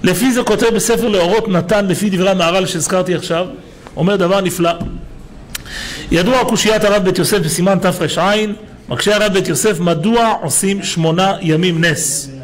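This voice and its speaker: Animated high-voiced rabbi preaching. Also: male voice, a little hiss or hum, low-quality recording. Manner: animated storytelling, rhetorical questions. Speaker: rabbi giving a Torah lesson. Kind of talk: sermon.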